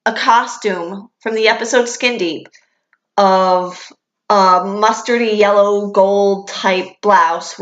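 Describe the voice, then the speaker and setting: A young woman vlogger chats about a favorite show in a candid, enthusiastic way and swears casually now and then. Her voice sits at an ordinary middle pitch. It is recorded in a room that gives it a noticeable echo. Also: fairly bright tone, lo-fi sound. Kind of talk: casual fan commentary. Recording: echoey room.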